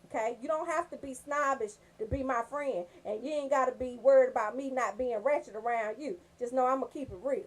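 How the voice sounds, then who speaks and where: In a rough recording, an American woman with a high-sitting voice talks fairly quickly with few pauses while hosting an easygoing radio show. She banters in slang, cracking jokes and addressing listeners head-on.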